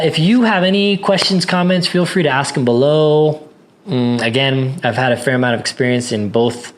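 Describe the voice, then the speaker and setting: A man talking casually to viewers in a tech review vlog, rambling with many restarts, his voice a little worn. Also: mid-range voice.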